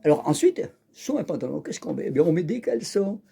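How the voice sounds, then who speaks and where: Strumming a guitar on his accordion channel, this host talks to camera fast in a slightly high, sing-song voice that is creaky and mellow. His chatter is jokey and bawdy, and he teases as he tells stories, constantly dropping in fillers like "hein" and "incroyable."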